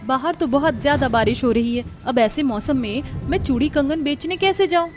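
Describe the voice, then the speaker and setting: A woman doing a poor young bangle seller, high and bright voice, earnest, kind, cartoon story. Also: normal speed, music in the background, lightly acted. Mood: worried. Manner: bright, earnest, street-vendor calls.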